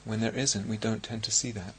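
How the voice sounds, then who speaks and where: A middle-aged man with an English accent giving a dharma talk as a meditation teacher, speaking in a reflective, halting way with many restarts. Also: fairly low pitch, fairly even intonation, a bit bright, slight background noise. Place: meditation hall at a retreat centre.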